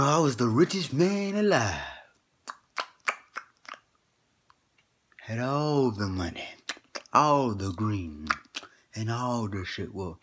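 A man's voice: fairly low pitch, husky, full character voice. A man playing a boastful old grandpa who tells tall tales in a folksy, slangy drawl and chuckles between lines. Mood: teasing. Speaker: comedy skit performer. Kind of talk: comedic character monologue.

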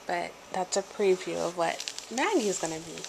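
A woman with a head cold and a stuffy nose, chatting casually through an unboxing and pausing often on ums. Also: fairly low pitch, lively intonation, gravelly. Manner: slow, with many ums. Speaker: vlogger. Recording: noisy home video.

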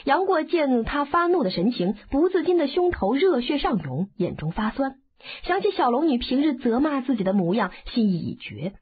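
Lively high-voiced woman narrating a story. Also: normal speed. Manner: expressive, dramatic. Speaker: audiobook narrator. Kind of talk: storytelling narration of a martial arts novel. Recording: phone-like narrow band.

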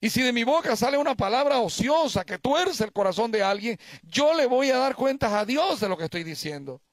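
A man's voice: very high voice, lively intonation, fairly quick, dry recording. A male pastor preaching a sermon, asking the congregation questions and telling them stories.

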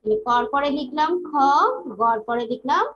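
A woman's voice: high voice, moderate pace, muffled recording, a little hiss or hum. A young woman with a Bangladeshi Bengali accent teaching a kindergarten class, patiently drilling letters and chanting rhymes in a sing-song way. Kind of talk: online class lesson.

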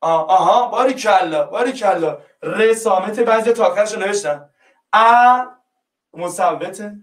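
A man's voice: sits high, echoey room, recorded from a distance. A man teaching a class, coaxing his pupils and repeating each prompt until they answer. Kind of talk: online class lesson.

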